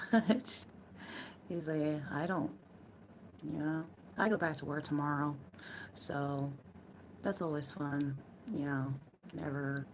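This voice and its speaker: A woman with a deep, hoarse voice talks her way slowly through a loose, rambling live-stream chat from home. Her worn-out voice and drawn-out delivery come with the odd curse word. A faint hiss of noise sits under the recording. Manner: rambling and loose, with frequent swearing and laughs.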